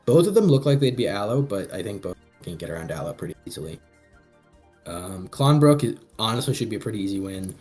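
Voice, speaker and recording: A man's voice: lowish voice, big pitch swings, fast talker, a little mellow, soft background music. A man co-hosting a casual commentary show, rambling with frequent restarts. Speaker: co-host.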